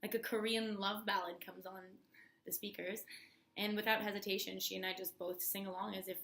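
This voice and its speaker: A woman's voice: medium pitch, little pitch movement, brisk, creaky, a bit bright, slight background noise. A young adult woman co-hosting a casual vlog, adding dry, teasing asides. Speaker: vlog co-host. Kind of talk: casual chat. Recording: echoey room.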